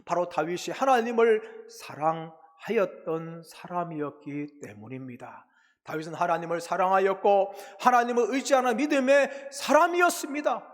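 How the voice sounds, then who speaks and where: A man preaching an early morning sermon as senior pastor, reading scripture slowly and asking the congregation rhetorical questions, with phrase endings that drop lower and softer. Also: in a large hall. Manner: asks the listeners rhetorical questions; reads scripture slowly and with weight.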